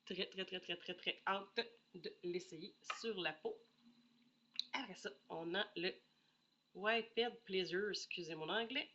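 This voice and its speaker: A woman's voice: mid-range voice, a little slow, pushed and bright, dull audio, a little hiss or hum. A woman with a Québécois French accent chatting casually as she reviews perfume samples, thinking aloud and apologizing often, with a head cold. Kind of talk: casual solo review chat.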